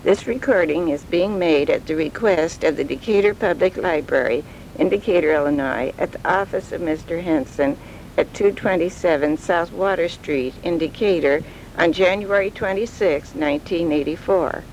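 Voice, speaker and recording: A woman interviewer speaking in a measured, formal way as she introduces an oral history in a law office, heard on an old 1980s tape recording. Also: lowish voice, a little mellow, slight background noise, low-quality recording.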